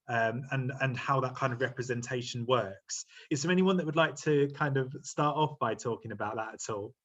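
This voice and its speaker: A middle-aged university lecturer hosts a panel over a video call from a room at home, friendly but hesitant and full of fillers. His voice is medium-pitched with a fairly bright tone, and the call audio is slightly muffled.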